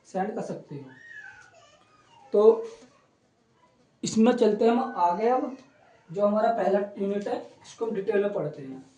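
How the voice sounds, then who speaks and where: A man's voice: high voice, mellow, far from the mic. A young man teaching a polytechnic physics class in a chatty coaching style, often stopping to check in with his students. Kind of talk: online coaching lecture. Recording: roomy echo, voice away from the mic.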